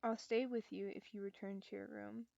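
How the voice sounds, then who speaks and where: A woman voicing a calm, formal young man who is gently protective and speaks in a measured, polite way. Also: mid-range voice, creaky, no room sound, dull audio.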